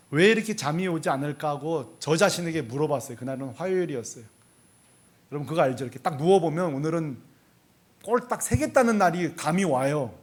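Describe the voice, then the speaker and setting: Male pastor, sermon; high voice, wide-swinging delivery, confessional and fervent. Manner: storytelling, confessional, rising to fervent emphasis.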